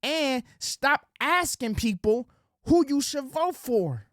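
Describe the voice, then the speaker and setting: A man's voice: extremely high pitch, very animated, slow pace, no room sound, studio quality. Slangy man preaching civic duty. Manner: preachy, street slang, addresses audience as ladies and gentlemen; drops into soft sweet-talk voice when acting out quotes. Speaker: political commentary host. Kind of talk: direct-to-camera political monologue.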